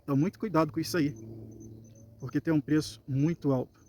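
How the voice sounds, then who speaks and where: A man's voice: a little high, fairly even intonation, quick pace, darkish tone, a little hiss or hum. A man with a Brazilian Portuguese accent, preaching a Bible lesson and explaining scripture in a conversational way. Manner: reads scripture then explains it conversationally, acting out voices. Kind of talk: Bible teaching sermon.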